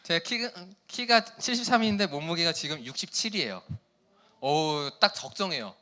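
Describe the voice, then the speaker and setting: Lively bright-voiced young male preacher. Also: fairly high pitch, normal speed. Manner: playful, chatty, asks the kids questions. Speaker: youth pastor. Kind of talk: casual sermon to teenagers.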